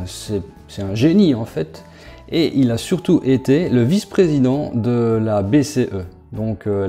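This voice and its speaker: A man giving a casual screen walkthrough as a YouTuber, talking straight to the viewer and halting with fillers. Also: mid-range voice, warm tone. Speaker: crypto investment YouTuber.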